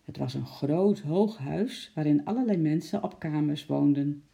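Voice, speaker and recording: Storybook reader, dark and gravelly voice, steady telling. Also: mid-range voice, a little slow. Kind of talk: children's storybook reading.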